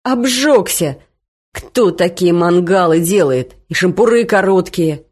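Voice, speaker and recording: A woman's voice: fairly low pitch, animated, measured pace, a little mellow. A woman voicing a whiny, flustered young fiancé. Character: nervous, whiny young fiancé, clumsy and fussing.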